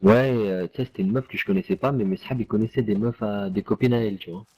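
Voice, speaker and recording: A man's voice: lowish voice, fast, warm tone, slightly rough, low-quality recording. A young man telling a casual anecdote to friends in street slang, peppered with slang tags and fillers. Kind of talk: casual anecdote told to friends while gaming.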